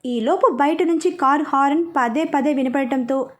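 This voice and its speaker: Woman storyteller, high voice, expressive serialized story reading. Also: normal speed. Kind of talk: serialized audio story narration.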